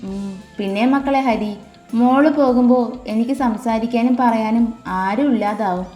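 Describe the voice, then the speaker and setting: A doting elderly mother, fussy and tearful, who scolds affectionately, as a woman narrator puts her on. Her voice sits a little high and mellow. The recording is roomy, with faint music underneath. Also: normal speed, close to an everyday voice. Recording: echoey room with soft music.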